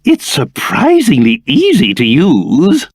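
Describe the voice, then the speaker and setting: A man voicing a pompous, excitable old cursed king in a video game, with a British accent and old-fashioned, theatrical speech. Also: on the high side, slow, no echo, clean studio sound, exaggerated voice. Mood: proud, explaining. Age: older. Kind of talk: video game character voice acting.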